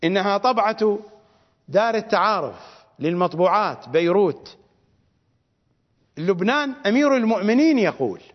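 A man's voice: high voice, expressive, normal speed, pauses often. A man with an Iraqi Arabic accent giving a religious lecture as a cleric, fiery and scornful, repeating phrases for stress. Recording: reverberant dull lo-fi recording.

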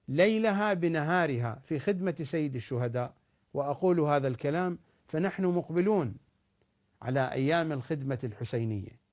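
A man giving a religious lecture in a measured, emphatic delivery with rising and falling stresses. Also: on the high side, muffled recording.

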